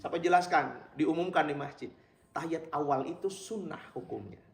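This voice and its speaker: A middle-aged man preaching in a mosque, telling stories lively and often addressing his listeners directly. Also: fairly high pitch, normal speed, creaky, slight background noise. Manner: lively storytelling, addresses listeners as Pak and Bapak Ibu. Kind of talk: mosque religious lecture. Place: mosque hall. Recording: very echoey hall, mic far off.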